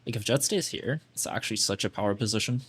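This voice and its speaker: A man's voice: on the low side, fast, a bit bright, breathy edge. A man coaching a player through their gameplay in a casual, blunt way, full of "like" fillers. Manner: blunt, chatty, lots of fillers like "like". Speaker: game coach.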